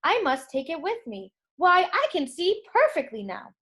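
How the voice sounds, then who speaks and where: A woman's voice: extremely high pitch, very animated, moderate pace, a bit bright, voice pushed up, heavily acted. A woman voicing a commanding old Santa Claus in a children's storybook, speaking in decisive pronouncements. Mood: jolly, relieved.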